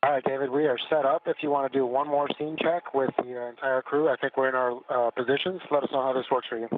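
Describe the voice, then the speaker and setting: A crew member speaking over a radio link from space in brisk, businesslike radio procedure. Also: male voice, medium pitch, steady tone, no echo. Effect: radio link from space, thin and distant. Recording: tinny, dry radio downlink.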